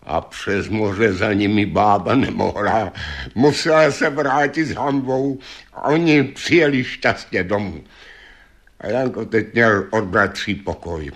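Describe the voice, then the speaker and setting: A man reading a fairy tale aloud as storyteller, with lively, shifting delivery. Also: on the low side.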